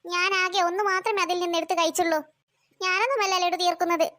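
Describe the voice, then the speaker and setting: A woman's voice: extremely high pitch, steady tone, fast, sharp tone, no room sound, clean studio sound. A woman voicing a fussy, stubborn old woman with a toothache in a cartoon. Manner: whiny, moaning, stubborn. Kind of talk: cartoon voice acting.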